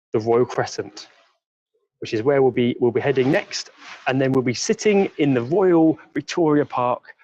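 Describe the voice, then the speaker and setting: Strolling along crowded streets, this English man hosts a live-streamed walking tour lesson, pausing to read comments from viewers. He speaks at a middle pitch in a warm, slightly mellow way, taking his time over each word's meaning. There's no echo, though the stream comes across somewhat muffled and lo-fi.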